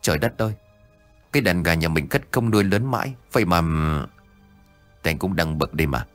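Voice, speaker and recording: A man voicing a grumpy young village husband who gripes fast and angrily in a storybook tale. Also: low-pitched, expressive, dry recording, soft background music. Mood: annoyed. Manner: fast angry griping.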